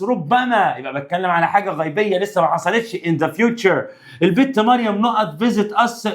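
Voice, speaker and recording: Playful Egyptian teacher, high voice. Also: male voice. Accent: Egyptian Arabic. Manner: playful, talks to students directly. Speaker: English teacher. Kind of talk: exam revision lesson.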